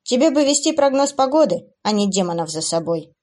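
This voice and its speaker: A wounded male demon from a storybook, sarcastic and worn out, his lines read softly. The voice stays close to the narrator's own, with a woman doing it. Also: fairly high pitch, sing-song, fairly quick, voice pushed up. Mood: bitter.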